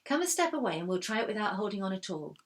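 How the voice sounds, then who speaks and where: A woman voicing a stern, no-nonsense female ballet teacher who counts in a firm, brisk voice. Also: mid-range voice, sing-song.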